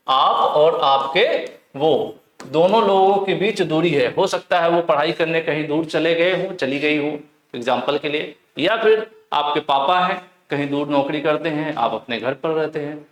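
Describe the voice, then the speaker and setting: A man's voice: fairly high pitch, unhurried, fairly bright tone. A man teaching an exam question-bank lesson, asking questions and answering them himself, repeating points and reading English questions aloud. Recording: echoey room.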